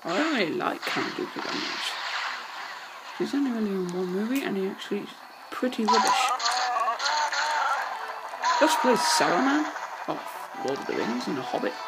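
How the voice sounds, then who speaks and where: A woman, chatting excitedly through a let's play and talking to the characters on screen. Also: mid-range voice, moderate pace, pauses often, low-quality recording. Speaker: gamer. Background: loud game music and battle sounds.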